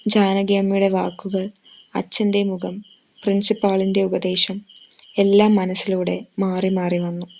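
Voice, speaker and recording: Woman narrator for a romantic audio story, flat delivery, gravelly tone. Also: medium pitch.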